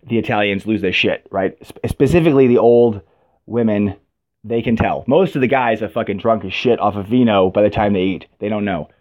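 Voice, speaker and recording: A man ranting through a profane, sarcastic comic monologue as a podcast host. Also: lowish voice. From New York. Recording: dull lo-fi audio.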